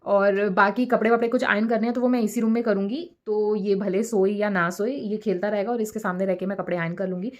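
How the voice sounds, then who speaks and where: A woman chatting casually in a home vlog, a mother who mixes English words into her talk and at times speaks very softly so her baby can sleep. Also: medium pitch, fairly even intonation, fairly quick, few pauses. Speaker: vlogger and mother. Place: at home, in a room. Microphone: phone camera.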